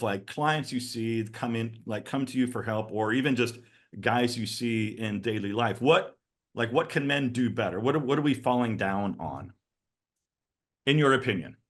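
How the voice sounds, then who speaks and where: A man's voice: mid-range voice, animated, unhurried. A middle-aged man hosting a casual interview in an informal, agreeable way. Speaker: host of men's lifestyle channel.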